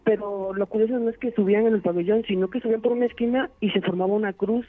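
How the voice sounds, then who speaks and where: A man's voice: high-pitched, fairly even intonation, quick pace, slight background noise. Man telling his story over a phone line. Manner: rambling, many "este" fillers. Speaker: caller. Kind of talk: telling a true scary story.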